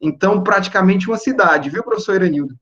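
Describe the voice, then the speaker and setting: A young man, giving a relaxed, explanatory talk to students and checking in with "né?" and "certo?". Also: high voice, fast, highs cut off. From Northeast Brazil. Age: young adult. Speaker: guest engineer speaking to students. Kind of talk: relaxed presentation over video call.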